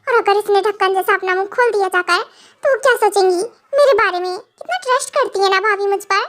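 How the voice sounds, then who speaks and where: A woman's voice: extremely high pitch, fairly quick, fairly bright tone. A woman voicing an exasperated young male professor who scolds his wife in a fan audio drama. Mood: scolding.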